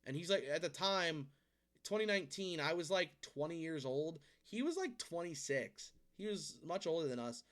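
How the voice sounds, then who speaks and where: A man's voice: on the high side, lively intonation, a bit bright. A man in his twenties hosting a video, telling a story in a rambling way, swearing freely and correcting himself as he goes. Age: 20s. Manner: rambling, profane, quick self-corrections. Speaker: host. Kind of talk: casual storytelling and movie ranking.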